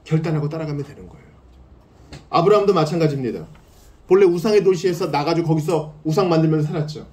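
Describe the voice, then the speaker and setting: A man preaching a sermon as pastor, swinging between loud emphasis and hushed tones. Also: fairly high pitch, lively intonation, fast talker, roomy sound.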